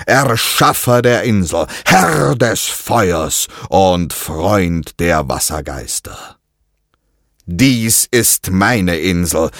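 A man voicing an ancient guardian spirit of an island, who speaks in a deep, slow and commanding way in a storybook. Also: a bit bright, dry recording, clean studio sound, heavily acted. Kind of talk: storybook narration.

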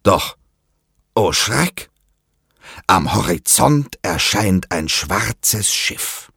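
A man narrates a children's audio story slowly and expressively. His low voice has a gravelly texture and swings widely in pitch. The sound is dry and close. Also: big pitch swings, a bit bright, dry recording.

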